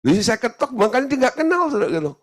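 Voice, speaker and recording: Lively storytelling male pastor. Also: very high voice, racing. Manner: storytelling teacher, lively and laughing often. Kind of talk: sermon.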